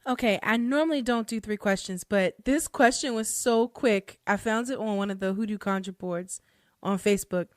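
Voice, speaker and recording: Woman, podcast host, casual chat, mid-pitched, frequent laughter, filler-heavy, dry recording. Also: moderate pace, no echo. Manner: chatty, laughs often, many fillers and restarts. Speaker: podcast host and hoodoo practitioner. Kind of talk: casual solo podcast talk.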